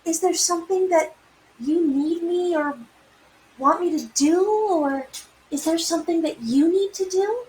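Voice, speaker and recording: A woman's voice: very high voice, measured pace, a little mellow, rough recording. A woman voicing a humble, kind, anxious spellcasting adventurer in tabletop role-play, earnest and tentative.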